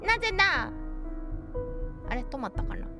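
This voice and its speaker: High, lively Kansai woman streamer. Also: normal speed, over music. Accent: Kansai Japanese. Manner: chatty, exclaims often, thanks viewers warmly. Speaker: game streamer. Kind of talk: casual live-stream chat while playing.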